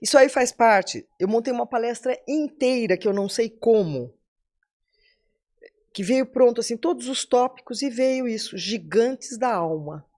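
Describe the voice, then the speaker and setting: A woman's voice: a little high, lively intonation, normal speed, a little mellow. A woman in her seventies with a Brazilian accent, a podcast guest giving a motivational talk and addressing listeners directly. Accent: Brazilian Portuguese. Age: 70s.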